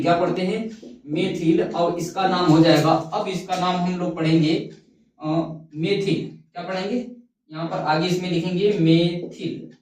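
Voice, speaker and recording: A man teaching a chemistry lesson, asking questions and answering them himself, repeating each key term. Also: sits high. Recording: very echoey room, mic far off.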